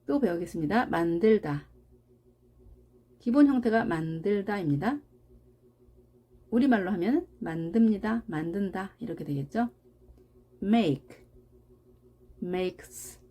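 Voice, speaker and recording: A woman teaching an English grammar lesson, explaining patiently and slowly repeating example words for practice. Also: medium pitch, animated, mellow, breathy edge. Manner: slow, deliberate, repeats example words for drilling; explains patiently with rhetorical questions.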